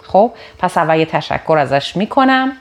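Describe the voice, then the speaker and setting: A woman giving an informal spoken lesson on handling customers, acting out the customers' replies in quick voices. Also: fairly low pitch, very animated. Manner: conversational, explanatory. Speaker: sales trainer.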